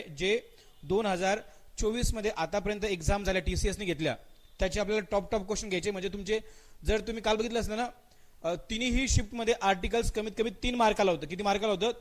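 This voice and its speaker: A man with a fairly high voice and a Marathi accent runs a live online grammar class. He quizzes students by name, answers his own questions and repeats them, and slows right down to spell out English example sentences. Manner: mixes English words into his speech, stretches out spoken example sentences.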